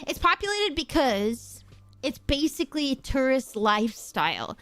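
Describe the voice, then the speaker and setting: With faint music behind her, an Australian woman chats casually on stream in a high, sing-song, fairly bright voice at a moderate pace, reading the chat aloud. Her accent sounds mostly North American, with a slight Australian edge on some words, and she laughs often and swears casually.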